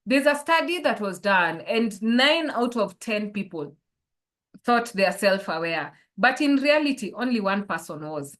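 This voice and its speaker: A woman's voice: medium pitch, very animated, unhurried, fairly bright tone. A woman, a life coach leading an online workshop and posing reflective questions to her listeners over a video call.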